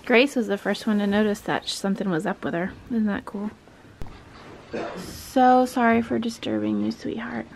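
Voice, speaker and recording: Speaking at normal speed with fairly even intonation, a woman in her thirties narrates a relaxed vlog, her medium-pitched voice creaky and often dropping to a whisper. Scenes include a nighttime wooden barn and a farmhouse kitchen, with a little hiss or hum in the audio.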